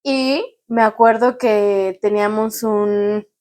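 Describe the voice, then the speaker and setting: A young woman with a Mexican accent co-hosting a casual chat, telling stories in a relaxed way and laughing often. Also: medium pitch, takes it slowly. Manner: relaxed conversational storyteller with frequent laughter. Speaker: podcast co-host.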